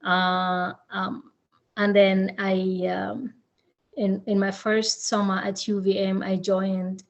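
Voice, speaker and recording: A woman from Sudan, a district's new DEI director, introducing herself at a town hall in a halting way, with many fillers and restarts. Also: mid-range voice, little pitch movement.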